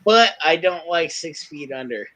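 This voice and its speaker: A man in his thirties from California, chatting casually in an excitable, rambling way with plenty of profanity. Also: on the high side, measured pace. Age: 30s. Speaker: podcast co-host. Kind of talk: casual chat.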